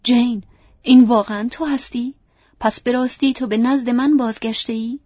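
A woman voicing a brooding, yearning blind middle-aged gentleman, earnest and pleading, in a dry, dull lo-fi recording. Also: on the high side, steady tone, dry recording, close to an everyday voice. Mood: disbelieving.

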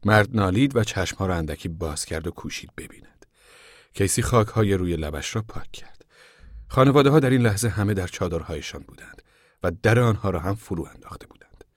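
A man giving scripted audiobook narration in a steady, measured way. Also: no room sound, clean studio sound. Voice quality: husky, low.

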